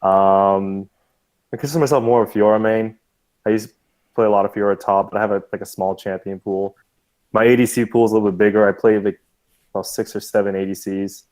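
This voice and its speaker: A man trying out as a guest on a gaming podcast, talking in a relaxed, loose way with lots of fillers. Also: on the low side, quick pace. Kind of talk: casual podcast chat.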